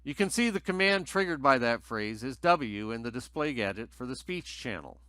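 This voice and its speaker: In a close, very dry recording, a man with a bright, forward, middle-pitched voice narrates a scripted tutorial. He explains methodically and sounds animated, moving at a moderate pace.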